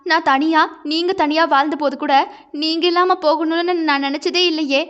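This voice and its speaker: A woman's voice: high-pitched, fairly even intonation, normal speed, a bit bright, muffled recording. A woman voicing a grieving young wife, impassioned and pleading through tears. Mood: anguished.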